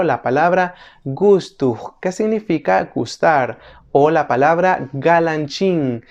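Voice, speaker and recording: A teacher narrating an instructional video, methodically explaining each letter and slowly repeating every example word. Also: mid-range voice, dull audio. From El Salvador. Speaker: language teacher.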